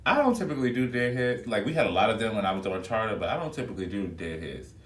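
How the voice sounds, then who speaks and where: A man's voice: lowish voice, fast talker. Chatty man on echoey phone video. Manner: chatty and expressive, addresses viewers as y'all. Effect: recorded on a phone video. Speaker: flight attendant vlogger. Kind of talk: casual vlog chat to viewers. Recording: echoey room, phone mic held back at a distance.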